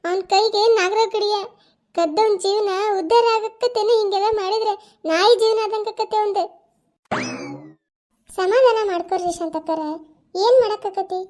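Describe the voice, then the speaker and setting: A wailing older village woman from a cartoon, played by a woman, shrill voice, complaining lament. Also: moderate pace, pauses often, darkish tone.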